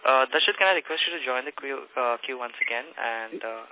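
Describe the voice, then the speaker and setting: A man's voice: medium pitch, brisk. A man moderating a conference call, politely announcing the next caller over a phone line. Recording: tinny phone-line audio.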